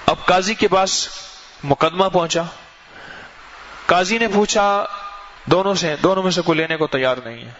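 A man delivering a sermon as a preacher, telling stories with sweeping rises and falls in his voice. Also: pauses often. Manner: storytelling with lively swings in pitch. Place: mosque gathering. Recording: dull lo-fi recording with faint noise.

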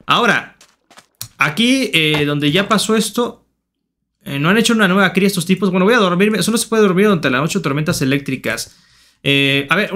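A man's voice: fairly high pitch, pushed and bright, slight background noise. A man doing playful Minecraft gameplay commentary, joking and teasing the game characters as he plays. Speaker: gaming YouTuber.

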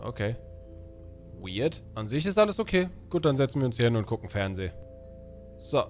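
A man casually commenting on a horror game as he plays, excitable and joking, bantering in slang with an in-game baby. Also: mid-range voice, a little fast, faint music behind. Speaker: gaming YouTuber. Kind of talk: casual let's-play commentary.

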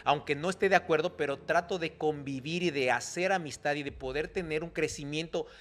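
A man's voice: a little high, brisk, a bit bright. A middle-aged man, arguing earnestly as a panelist in a heated studio debate. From Mexico. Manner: earnest, explanatory, talks over others. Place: dark studio. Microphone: desk mic on boom arm.

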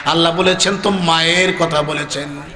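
A man from Bangladesh preaching a sermon as a chanted story, rising into high shouted, sing-song climaxes. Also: fairly even intonation, normal speed, echoey room, long reverb tail.

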